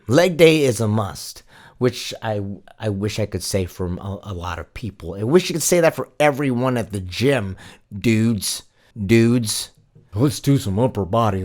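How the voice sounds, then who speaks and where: A man from Hawaii doing a casual fitness vlog, with a sarcastic, exasperated tone. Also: medium pitch. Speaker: fitness vlogger.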